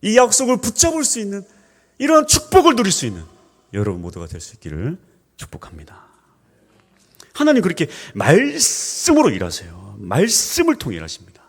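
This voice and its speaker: A man's voice: a little high, husky, in a large hall. A man pastor from the Gyeongsang region preaching a sermon in a church, telling stories animatedly and acting out voices. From Gyeongsang region, Korea. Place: church sanctuary.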